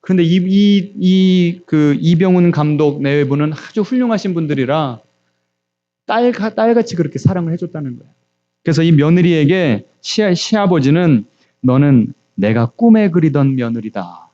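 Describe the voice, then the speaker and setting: A man's voice: fairly high pitch, normal speed, dark tone, highs cut off. A male pastor preaching, telling stories and acting out quoted voices while questioning the congregation. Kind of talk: sermon.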